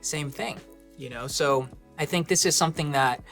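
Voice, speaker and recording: A man from the United States co-hosting a casual conversation, relaxed and reflective, with many "you know"s. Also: fairly high pitch, normal speed, gravelly, faint music behind. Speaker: co-host. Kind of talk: casual chat.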